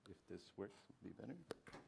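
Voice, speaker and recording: A man from Brazil with a cold and a stuffy nose, giving a conference presentation in a hesitant, polite and measured way. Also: heavy background noise. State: has a cold. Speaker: communications director giving a presentation. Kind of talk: prepared conference talk, spoken off the cuff.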